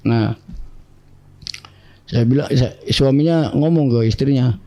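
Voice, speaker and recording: A man telling his life story to an interviewer in a casual, animated way, acting out the dialogue of the people in it. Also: mid-range voice, slow. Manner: animated, acts out quoted dialogue in other voices; keeps addressing the listener as "bang".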